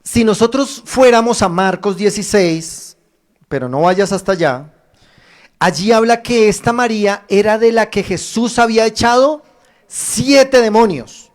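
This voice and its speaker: A man pastor preaching a streamed sermon, addressing viewers directly with emphatic rises and pauses. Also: high voice. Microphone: streamed online service.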